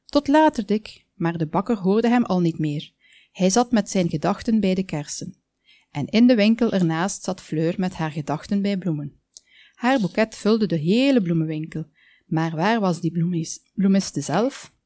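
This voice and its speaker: A woman calmly reading a children's story aloud, with small slips now and then. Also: lowish voice, moderate pace, no echo. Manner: calm, with small slips and asides.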